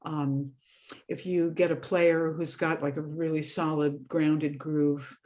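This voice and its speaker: A woman vocalist appears as a guest on a video call for a casual interview chat, animated and enthusiastic and laughing often. Though her voice is described as light, it sits low, and she speaks slowly.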